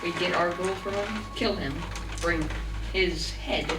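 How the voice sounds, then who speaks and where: A woman's voice: lowish voice, measured pace. A woman speaking casually as a player in a tabletop game. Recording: echoey room, distant mic, loud music.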